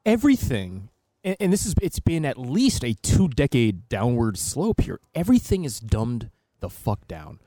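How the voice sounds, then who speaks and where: A man's voice: medium pitch, huge pitch swings, moderate pace, mellow, no echo. A man co-hosting a casual talk podcast, talking in long, opinionated, profane stretches. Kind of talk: casual political and media chat.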